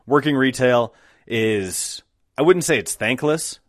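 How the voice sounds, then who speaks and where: A man's voice: medium pitch, slow, dry recording, studio quality. Wry self-deprecating man telling work stories. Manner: wry, self-deprecating, animated when quoting others. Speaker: podcast host. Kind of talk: casual solo storytelling.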